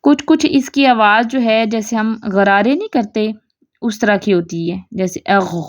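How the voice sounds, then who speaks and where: A woman with a Pakistani Urdu accent teaching Quranic pronunciation, stretching out model syllables slowly and often checking if students follow. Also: a little high, no room sound, highs cut off. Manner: patient, drawn-out model syllables, frequent "theek hai?" checks. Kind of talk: tajweed pronunciation lesson.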